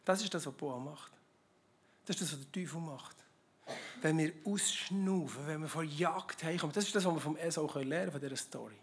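A Swiss German preacher talks straight to the congregation in a relaxed, chatty sermon. The delivery jokes around and keeps throwing questions at the listeners, with a voice of middling pitch. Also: brisk, husky. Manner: lively, joking, conversational, asks the audience.

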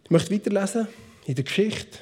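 A man with a Swiss German accent delivering a sermon. His voice sits a little high for a man, and he moves between loud, emphatic stretches and quiet, intimate ones. He speaks to his listeners directly and casually. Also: brisk. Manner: animated, swings between loud and soft, addresses listeners directly. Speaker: preacher.

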